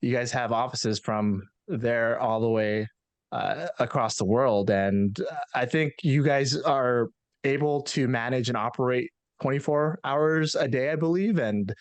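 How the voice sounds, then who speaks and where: A man's voice: mid-range voice, moderate pace, no room sound. A young man hosting a podcast interview over a video call, asking friendly, casual questions through a headset. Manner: friendly questions with small laughs. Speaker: podcast host. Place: home office, indoors.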